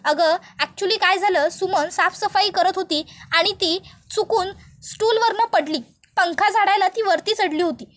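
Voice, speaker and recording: A scheming middle-aged uncle who keeps talking fast to smooth over his lies, as a woman retells the scene. The voice stays very high, with her own voice barely changed. He coaxes and insists without pausing. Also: fairly bright tone. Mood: soothing.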